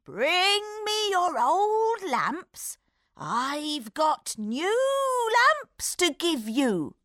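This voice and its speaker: A woman's voice: extremely high pitch, sing-song, very slow, a bit bright, no room sound, clean studio sound, pitched above the performer's own voice, heavily acted. A woman doing a sly old magician. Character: cunning old male magician, greedy and sly. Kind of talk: storybook read-aloud.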